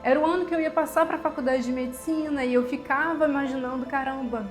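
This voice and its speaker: A woman tells her life story in a fairly high voice, earnest and conversational, tossing in little tag questions as she goes. Soft music plays quietly behind her. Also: steady tone, fast talker. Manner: heartfelt storytelling, quotes family, tag questions like "sabe?" and "né?". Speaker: medical doctor telling her life story. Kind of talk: personal testimony.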